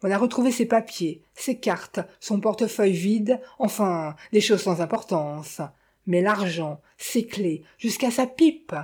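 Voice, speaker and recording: A woman putting on a shrill scolding widow. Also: measured pace, darkish tone, husky. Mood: fretful. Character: sharp-tongued greedy middle-aged widow. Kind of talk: audiobook character voice.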